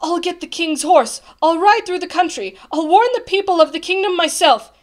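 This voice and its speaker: A woman's voice: very high voice, normal speed, voice pushed up. A woman voicing an earnest young boy in a storybook, urgent, pleading and exclamatory. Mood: determined. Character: frantic, earnest young boy sounding the alarm. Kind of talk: storybook character voice.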